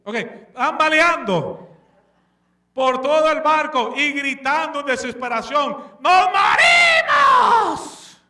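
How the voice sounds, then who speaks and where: High, bright-voiced preacher in an echoey hall. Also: male voice, slow pace, very noisy. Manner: animated preaching, asks the congregation questions; slips English words into his speech. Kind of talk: sermon. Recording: echoey room, distant mic.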